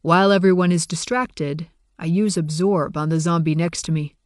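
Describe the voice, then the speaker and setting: A man's voice: on the high side, fairly even intonation, moderate pace, no room sound. Wry first-person audiobook narrator, man, dry close mic.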